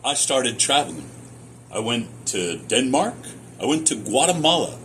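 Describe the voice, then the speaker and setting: A middle-aged American man giving a personal testimonial in a deliberate, emphatic storytelling manner with short repeated phrases. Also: mid-range voice, big pitch swings, fairly bright tone, slight background noise. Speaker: speaker sharing personal experience, former academic researcher.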